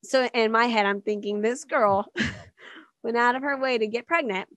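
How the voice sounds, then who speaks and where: A woman's voice: fairly high pitch, moderate pace, a bit bright, dry recording. A woman co-hosting a podcast, chatting casually and bluntly, laughing often and teasing her co-host. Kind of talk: casual chat.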